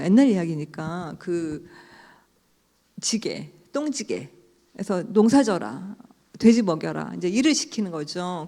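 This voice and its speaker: Middle-aged woman author, relaxed warm voice, lively storyteller addressing a live audience. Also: mid-range voice. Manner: animated storyteller, quoting others, sometimes dropping to a hushed voice. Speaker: author speaking at a book concert.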